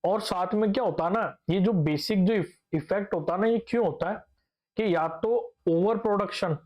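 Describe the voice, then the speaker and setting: A young man with a high voice teaches a nursing class at a brisk pace, asking and answering his own questions, repeating key terms, and mixing in English medical vocabulary. The recording has its highs cut off.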